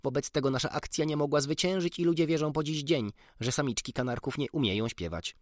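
A man voicing a proud, sharp-tongued female canary in an audiobook, speaking indignantly and briskly. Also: on the high side, no room sound, clean studio sound, pitched above the performer's own voice, close to an everyday voice. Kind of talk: audiobook character reading.

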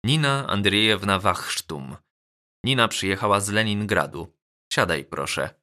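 A man doing a brisk female class teacher. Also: lowish voice, lively intonation, pushed and bright. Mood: matter-of-fact. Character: strict female class teacher introducing a pupil.

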